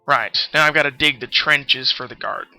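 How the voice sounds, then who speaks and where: Medium in pitch and speaking at a normal speed, this man tells casual stories during a live gaming stream against a noisy background and background music. He rambles absent-mindedly and often loses his thread.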